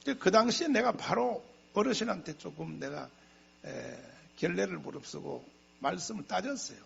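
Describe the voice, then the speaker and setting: Guy preaching a sermon, raspy gravelly voice, kinda high, repeats stuff for emphasis, muffled lo-fi audio. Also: normal speed. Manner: emphatic, repeats phrases for effect; animated storytelling with chuckling asides. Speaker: pastor. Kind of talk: sermon to a congregation.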